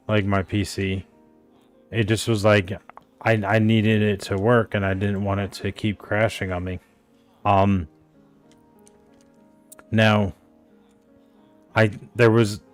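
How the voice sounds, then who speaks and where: A man with a fairly low voice chats in a loose, rambling way as he plays a game and leans on "like" and "I think" all the time. He sounds unsure and hedges as he goes. Soft game music plays quietly behind him. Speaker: gaming streamer. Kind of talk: casual chat while gaming.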